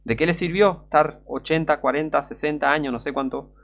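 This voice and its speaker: Fervent Rioplatense man preaching, gravelly. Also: on the high side, steady tone, brisk, fairly bright tone. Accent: Rioplatense Spanish. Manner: fervent, scornful, rhetorical questions. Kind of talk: impassioned street-style sermon.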